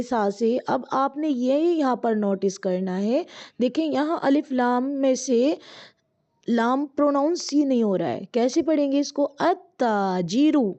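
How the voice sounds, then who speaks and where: A woman teaching an Arabic reader lesson, reading each word slowly and drawn out, then explaining it quickly. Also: high voice, warm tone, muffled recording. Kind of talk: explaining a language textbook lesson.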